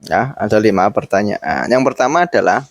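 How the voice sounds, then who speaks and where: A young man from Boyolali, Central Java, hosts a casual school interview with his classmates, trading playful, jokey schoolboy banter and mixing in Javanese words. His low-ish voice has lively intonation, vocal fry, and a moderate pace, with a dry, close sound and no echo.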